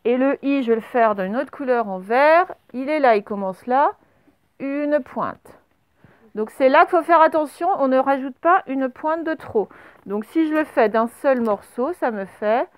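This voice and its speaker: A woman teacher leads a spelling dictation for young children, recorded to camera. Her voice sits high, and she talks patiently, spelling words out letter by letter. The sound is dry, with no room echo. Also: animated, measured pace, clear, resonant tone. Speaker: primary school teacher.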